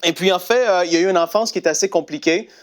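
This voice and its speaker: Animated Québécois man telling a story. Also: high-pitched, very fast. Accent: Québécois French. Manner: animated, lots of fillers and restarts, breaks into laughter. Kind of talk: casual storytelling of a testimony.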